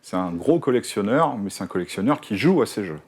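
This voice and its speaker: A man's voice: lowish voice, sing-song, a little fast, a little mellow, slightly rough. A middle-aged man, a game publisher, chatting casually in an interview and telling anecdotes with many hesitations. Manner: hesitant, many "euh" fillers, mimics others while telling anecdotes.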